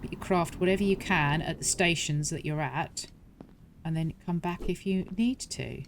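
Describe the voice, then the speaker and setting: A woman with a lowish voice hosts a game walkthrough, explaining each step as she plays. She talks in a chatty way and often corrects herself mid-sentence. A faint background noise sits under her voice. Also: normal speed. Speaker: gaming channel host.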